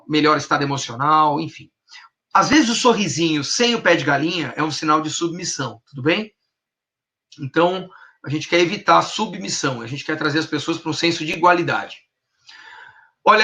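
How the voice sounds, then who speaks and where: A man with a Brazilian Portuguese accent giving a workshop lecture on communication, energetic and acting out vocal intonations as he teaches. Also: a little high. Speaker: communication trainer. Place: lecture stage.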